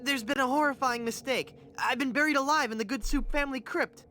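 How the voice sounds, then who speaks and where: A man's voice: very high-pitched, brisk, pushed and bright, slight background noise. A man playing a hapless, earnest adventurer in a comic adventure game, pleading and bluffing theatrically as a would-be ghost.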